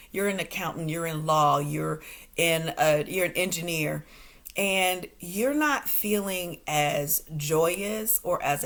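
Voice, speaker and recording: A woman's voice: on the low side, a bit bright. A woman in her forties, a stand-up comic and entrepreneur, hosting a motivational talk in short, emphatic commands and laughing often.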